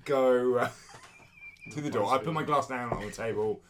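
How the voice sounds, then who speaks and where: A man's voice: mid-range voice, normal speed, noisy background. A man playing a tabletop role-playing game, describing his character's actions and laughing mid-sentence. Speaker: player.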